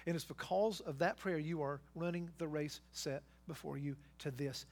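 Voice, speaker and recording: A man preaching a sermon as pastor, emphatic and exhorting, building to loud exhortations and rhetorical questions. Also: fairly high pitch, steady tone, moderate pace.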